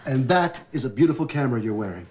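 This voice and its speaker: A man's voice: mid-range voice, expressive, fast talker, darkish tone, a little hiss or hum, natural voice. An actor playing an awkward young man, flustered and given to dry comebacks, in film dialogue.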